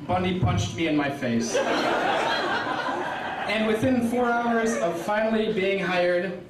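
Young guy reading a rhyming toast at a wedding, highish voice, far off in an echoey hall, hissy. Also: sing-song. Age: young adult. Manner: reads rhymes aloud, pausing for laughs. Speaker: best man. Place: wedding reception hall, indoors. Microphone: stand mic, filmed by a far camera. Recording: roomy hall audio from a distant camera. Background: guests laughing.

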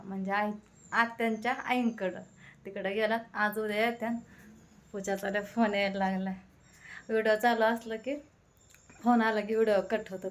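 A woman, chatting casually in a home vlog and recounting her day and phone calls. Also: mid-range voice. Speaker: vlogger.

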